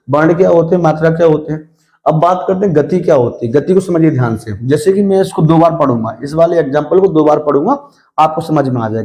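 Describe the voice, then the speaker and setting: A man teaches a grammar lesson in a fairly high but mellow voice, calling his students "beta" and pausing often to check that they follow. He poses questions and answers them himself, and recites verse lines slowly and deliberately. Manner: addresses students as "beta", checks with frequent "theek hai". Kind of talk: classroom-style lesson.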